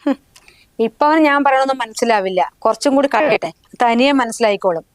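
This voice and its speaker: A sharp-tongued, scheming mother-in-law, acted by a middle-aged woman fires off her scolding at a quick clip. The voice sits a touch high and sounds close and dry. Faint music plays underneath. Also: no echo, natural voice. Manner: scolding, harsh, nagging. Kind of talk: family short film acting.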